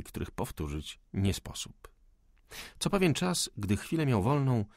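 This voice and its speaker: A male audiobook narrator reads classic prose in a measured, steady storytelling manner. His voice is husky and gravelly. The recording is close and dry, with no room echo. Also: on the low side.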